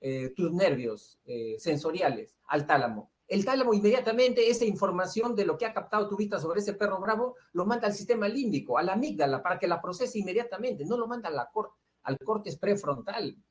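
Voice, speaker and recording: A man with a Peruvian accent lectures students on psychology. He works through each point out loud, poses questions and answers them himself, and checks in with a questioning "¿no?" at the end of almost every phrase, with "este" filling his pauses. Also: high voice, lively intonation. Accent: Peruvian Spanish. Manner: explanatory, tags nearly every phrase with a questioning "¿no?". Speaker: pre-university psychology teacher.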